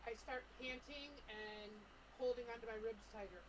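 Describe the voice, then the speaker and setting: A woman playing a tabletop game, speaking quietly and playfully. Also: fairly high pitch, moderate pace, a little hiss or hum. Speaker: player. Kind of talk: tabletop role-play. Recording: distant, off-mic.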